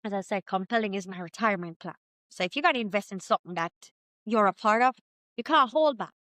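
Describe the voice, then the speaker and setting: A woman in her thirties with a Jamaican accent, telling her story as a podcast guest in a lively, chatty way. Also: mid-range voice, fast talker, dry recording. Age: 30s. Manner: lively, chatty, quotes herself often. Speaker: guest entrepreneur. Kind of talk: candid storytelling interview.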